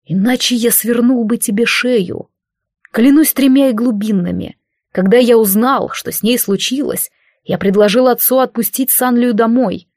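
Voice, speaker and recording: Woman reading icy young prince, slow quiet menace, close dry read. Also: a little high, dry recording. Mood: menacing.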